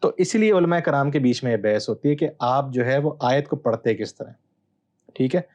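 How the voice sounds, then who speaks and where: A man, a Bible scholar guest, explaining texts in a measured, teacherly way with hesitant pauses. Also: medium pitch, animated, darkish tone. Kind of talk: explanatory interview answer.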